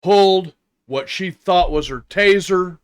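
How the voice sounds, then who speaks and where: An older man giving an unscripted, indignant opinion rant, halting and deliberate, with long pauses and emphatic repetition. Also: high-pitched, clean tone. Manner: indignant, emphatic, repeating phrases. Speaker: vlogger giving his opinion.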